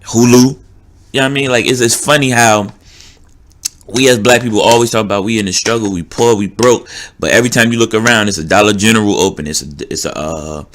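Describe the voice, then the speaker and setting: Podcast host: young man, New Jersey accent, low-pitched, rapid streetwise rant. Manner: animated, streetwise, rambling with many fillers. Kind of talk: casual rant.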